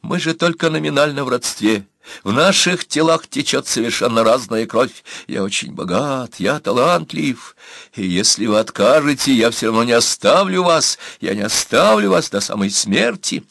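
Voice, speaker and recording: A man's voice: mid-range voice, animated, moderate pace, vocal fry, fairly bright tone, dry recording, clean studio sound, pitched above the performer's own voice. A man voicing a short, fat, repulsive uncle who begs for love in a cooing, bleating whisper. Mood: pleading.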